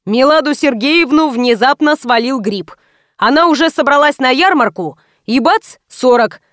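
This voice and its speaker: A woman reading the part of a pushy, loud male publisher who barks orders and hustles a crowd. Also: high voice, animated, normal speed, dry recording, clean studio sound. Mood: hustling. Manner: barking, hectoring, impatient.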